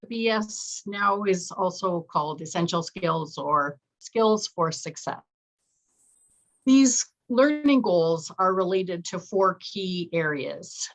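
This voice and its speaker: Woman presenter, low-pitched and slow, on a video call whose audio drops in and out with uneven volume. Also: rough recording. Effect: uneven volume, audio cutting in and out. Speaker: program coordinator presenting.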